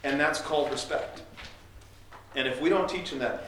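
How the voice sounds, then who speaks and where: Male pastor, sermon delivery, earnest and direct, slightly high pitch; echoey distant room sound. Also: moderate pace, fairly bright tone, slight background noise. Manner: direct and earnest, acts out parents and kids.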